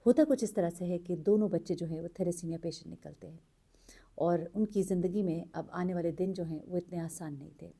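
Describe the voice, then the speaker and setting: A woman narrating a true story in an earnest, unhurried way, pausing with fillers as she goes. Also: lowish voice, fairly even intonation, creaky, warm tone, slightly rough. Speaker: storyteller host.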